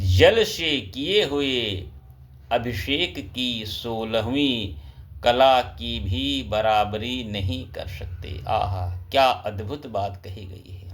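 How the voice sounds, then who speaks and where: A man giving a devotional scripture discourse as a pandit, speaking reverently and chanting Sanskrit verses. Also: mid-range voice.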